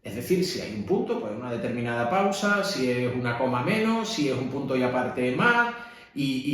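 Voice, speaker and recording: A man with a Spanish accent, a priest teaching how to read at mass, in a conversational way with frequent tag questions. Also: mid-range voice. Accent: Spanish (Spain). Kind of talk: instructional talk. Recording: echoey room.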